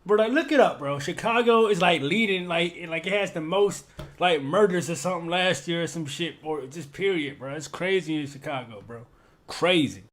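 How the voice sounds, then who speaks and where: A man's voice: a little high, animated, moderate pace, fairly bright tone. A man hosting a reaction video, talking in slangy, rambling, emphatic casual commentary.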